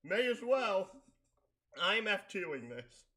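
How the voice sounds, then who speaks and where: A man's voice: high-pitched, big pitch swings, slow pace, bright, forceful tone. A man chatting casually with friends over a video game and giving them directions. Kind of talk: casual gaming chat. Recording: game music behind the voice.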